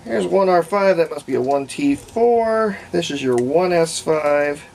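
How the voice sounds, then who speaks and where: A man presents a repair video, chatting casually and without a script as he reasons through a hobby restoration at his bench. His voice is on the high side yet darkish, gravelly and creaky, animated at a measured pace, with background noise clearly present.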